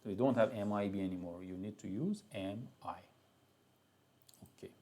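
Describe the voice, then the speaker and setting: A man's voice: on the low side, moderate pace, mellow. Persian-accented man giving a lecture. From Iran. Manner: loose, chatty lecturing with many restarts and fillers. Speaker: university lecturer. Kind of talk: live classroom lecture.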